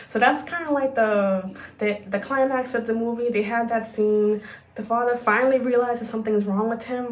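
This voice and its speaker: A woman vlogger giving a ranting film recap, animated, exasperated and profane. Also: a little high, roomy sound.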